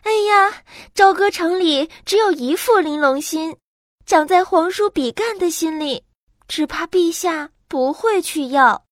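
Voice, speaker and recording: A woman's voice: very high voice, measured pace, no room sound, clean studio sound. A woman voicing a scheming female pheasant spirit disguised as a beautiful girl, whining with fake tears. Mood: fake tearful. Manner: fake weepy whine.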